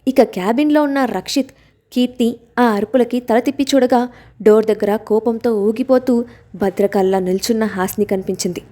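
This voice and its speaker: A woman's voice: on the high side, moderate pace, mellow. A woman with a Telugu accent narrating a novel in a scripted style, reading every character's lines herself. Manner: reads all characters' lines herself with little voice change. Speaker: storyteller.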